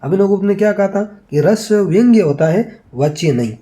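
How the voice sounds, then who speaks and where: A male teacher giving a quick exam revision lecture, asking rhetorical questions, answering them himself, and repeating key points with frequent check-ins. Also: high voice, lively intonation, dark tone.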